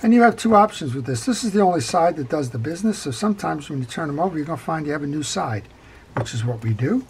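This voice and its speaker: A middle-aged man calmly talking through a step-by-step reel repair at his workbench, with frequent fillers as he works. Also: on the high side, fast, slight background noise, poor audio. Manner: calm, practical, talks while working, frequent fillers. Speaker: fishing reel repair instructor. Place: workshop bench.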